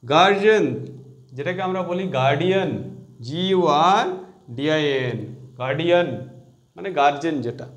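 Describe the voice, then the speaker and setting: A man with a Bengali accent teaching English spelling for exams, spelling words out letter by letter and repeating key words slowly. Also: high voice. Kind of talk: exam-prep spelling lesson.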